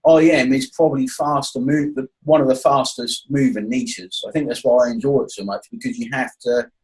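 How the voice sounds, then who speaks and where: Male, Norfolk East Anglian accent, mid-pitched, webinar coach, informal and matey. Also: steady tone, a little fast, darkish tone, rough recording. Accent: Norfolk, East Anglian English. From Norfolk, England. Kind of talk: informal online coaching session with questions. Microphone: online webinar call.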